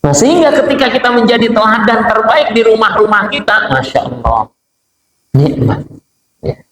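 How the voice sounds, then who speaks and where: A middle-aged man giving a casual conversational sermon, mixing relaxed chatty asides with chanted Arabic verses. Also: sits high, normal speed. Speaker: preacher. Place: neighborhood prayer room. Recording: echoey prayer room with faint ambient noise.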